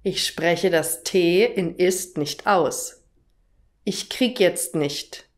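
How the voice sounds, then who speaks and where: A young woman teaching German, explaining everyday phrases and their pronunciation with example sentences. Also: on the low side. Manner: slow, clear explanatory delivery with example phrases.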